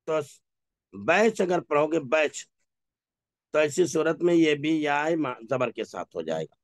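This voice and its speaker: A man teaching an Urdu reading class, drilling words slowly, repeating each one and asking the class questions. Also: on the high side, expressive, gravelly, no room sound, clean studio sound. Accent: Pakistani Urdu. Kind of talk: Urdu reading lesson, drilling word pronunciation.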